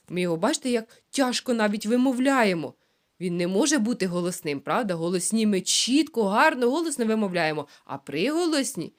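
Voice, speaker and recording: A woman teaching a phonics lesson to young children, sounding out words slowly syllable by syllable. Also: medium pitch. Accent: Ukrainian. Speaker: preschool teacher.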